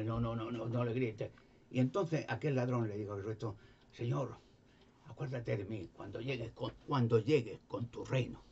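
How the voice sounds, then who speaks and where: A man telling a Bible story in a casual, halting way, often repeating words and restarting, and raising his voice to act out the characters. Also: warm tone, a little hiss or hum. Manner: acts out the characters' lines with raised pitch. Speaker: religious commentator. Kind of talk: informal retelling of a Bible story. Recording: dull lo-fi recording.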